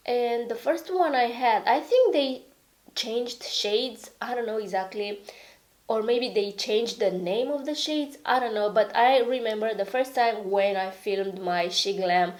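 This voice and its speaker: Stuffy and raspy with a cold, a woman reviews makeup as a beauty vlogger in a casual product review. Her fairly high voice is unhurried, and she's chatty and rambling, poking fun at herself and often adding "okay?"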